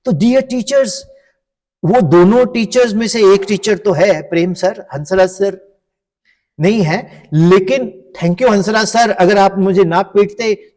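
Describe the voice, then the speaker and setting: High-voiced man in echoing hall. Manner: animated anecdotes, breaking into slow sung verses. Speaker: physics teacher leading a teachers' workshop. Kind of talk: humorous storytelling talk with sung songs. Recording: long hall reverb.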